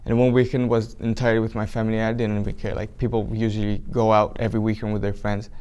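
Young Brazilian man, hesitant, smooth voice. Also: fairly low pitch, little pitch movement, quick pace, a little mellow. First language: Portuguese. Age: young adult. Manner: hesitant, many restarts and fillers. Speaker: documentary subject. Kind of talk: interview answers. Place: small indoor room with flag backdrop.

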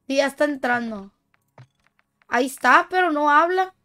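A woman's voice: high-pitched, bright, forceful tone. A woman with a Mexican accent streaming a shooter game, chatting casually with playful, teasing, boastful banter. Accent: Mexican Spanish. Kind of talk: casual gaming stream chat.

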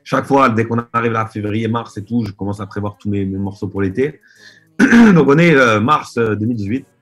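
A man's voice: lowish voice, brisk, fairly bright tone, husky. A man, a DJ guest telling a story in casual interview talk on a video call, rambling with many hesitations. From Marseille, France. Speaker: DJ and producer guest. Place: dim room at home. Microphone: video call webcam.

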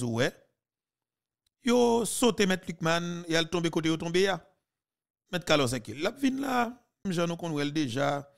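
A man in his thirties with a Haitian accent, giving heated, mocking political commentary on a podcast, with sudden loud outbursts. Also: medium pitch. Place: small studio. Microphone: studio mic with headphones.

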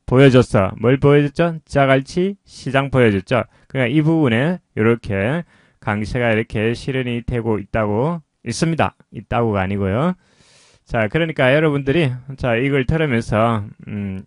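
A man teaching English pronunciation, explaining slowly and patiently in a lesson voice-over. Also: medium pitch, dry recording, clean studio sound.

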